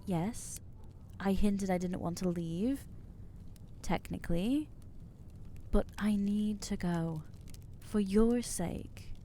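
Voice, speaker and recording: In an ASMR audio drama, a woman acts out a jittery, anxious young vampire who stammers through awkward, self-mocking rambles. Her mid-range voice is soft, mellow and natural, and she takes her time with every halting phrase. Slight background noise is present.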